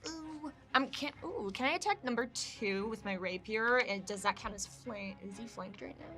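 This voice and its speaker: Bright, high-voiced, flustered woman player. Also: moderate pace, soft background music. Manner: flustered, excitable. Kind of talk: casual tabletop play.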